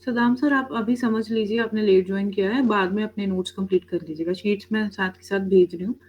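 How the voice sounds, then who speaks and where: A woman's voice: mid-range voice, steady tone, darkish tone, highs cut off. A woman teaching a Korean language class online, patiently explaining each word and calling students beta. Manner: patient, addresses students as beta, spells out words slowly.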